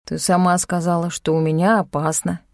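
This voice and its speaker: A man's voice: on the high side, level tone, moderate pace, creaky, no room sound, clean studio sound. A woman narrator voicing an anxious male doctor in an audiobook, pleading and insistent with a young woman.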